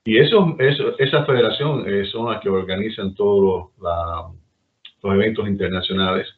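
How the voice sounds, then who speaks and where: The low-leaning voice of a middle-aged Cuban man with a Cuban accent carries at a moderate pace. As a guest from Cuba, he tells rambling stories in casual conversation, frequently restarting. His voice comes through a tinny, phone-like line.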